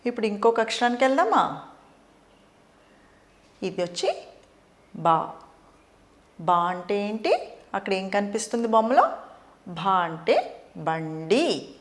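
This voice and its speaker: A woman's voice: mid-range voice, big pitch swings. A middle-aged woman teaching preschoolers the alphabet, sounding out words syllable by syllable and asking the children questions. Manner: slow, drawn-out syllable-by-syllable teaching; asks the children questions and answers them.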